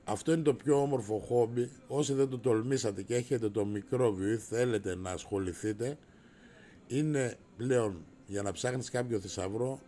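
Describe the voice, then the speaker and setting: A middle-aged man hosting a casual livestream, brash and rowdy, swearing and raising his voice as he answers viewers. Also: medium pitch. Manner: raises his voice to shout.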